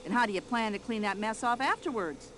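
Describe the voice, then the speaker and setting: A bossy older American widow, her voice high and bright as it swings up and down through every complaint. She talks loudly with a sharp tongue, nosy and easily offended, in a game mystery. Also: animated, brisk, a little hiss or hum. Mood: indignant. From United States. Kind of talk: video game voice acting.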